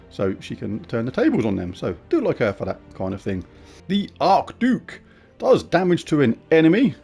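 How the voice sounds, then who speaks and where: A man's voice: medium pitch, darkish tone, slightly rough. A man giving a casual, chatty preview of a game's weekly events with blunt, informal opinions. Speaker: gaming YouTuber. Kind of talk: casual game preview commentary.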